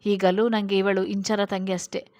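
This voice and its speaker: A woman's voice: medium pitch, flat delivery, measured pace, darkish tone, close to an everyday voice. Woman reading as flustered young man Abhi. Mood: annoyed. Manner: defensive.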